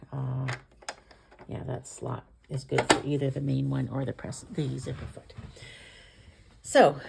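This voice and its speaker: Low, unhurried woman teaching hands-on, slightly creaky. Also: darkish tone. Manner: careful, unhurried, explaining each small step. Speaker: sewing instructor. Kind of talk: step-by-step hands-on tutorial narration. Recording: some background noise.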